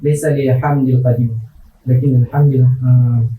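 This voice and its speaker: Distant student, thin phone-like sound. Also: male voice, mid-range voice, flat delivery, normal speed. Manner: hesitant questioning with many fillers. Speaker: student asking a question. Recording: distant, phone-like and echoey with faint noise.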